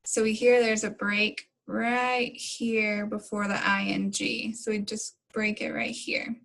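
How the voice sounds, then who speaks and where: A woman teacher explaining phonics coding step by step in a slow, patient way to young pupils. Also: mid-range voice, level tone, vocal fry, a bit bright, poor audio. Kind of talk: recorded phonics lesson for children.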